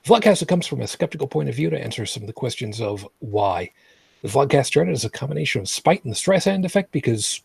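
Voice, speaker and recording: A male main host with a slightly husky voice, recorded close and dry over an online setup. He rambles casually, restarting phrases and dropping dry sarcasm. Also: medium pitch, darkish tone, no room sound. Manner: rambling, filler-heavy, repeats and restarts phrases. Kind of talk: casual live vlogcast chat.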